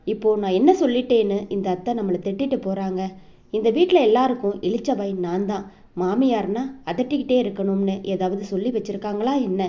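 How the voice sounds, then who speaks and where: A woman's voice: fairly high pitch, fairly quick, warm tone, natural voice. A woman voicing a fretful young housewife in a storybook, grumbling and complaining. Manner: grumbling, fretting. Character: fussy grumbling young wife, sister-in-law.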